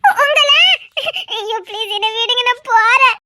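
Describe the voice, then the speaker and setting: A woman's voice: very high-pitched, measured pace, sharp tone, full character voice. A woman with a Tirunelveli Tamil accent playing a shy young office clerk who stammers and protests playfully. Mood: coy protesting. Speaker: office employee. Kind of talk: village web-series acting.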